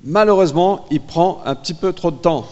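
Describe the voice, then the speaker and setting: A man preaching a sermon in short phrases that pause for an interpreter, dramatic and lively, acting out the voices of the people. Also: high-pitched, dull audio. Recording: reverberant church hall.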